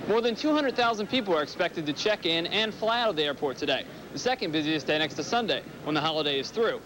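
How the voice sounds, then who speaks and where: A male news reporter with a high voice narrates a scripted package with lively intonation. Outdoor vehicle noise is clear behind him. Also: fast.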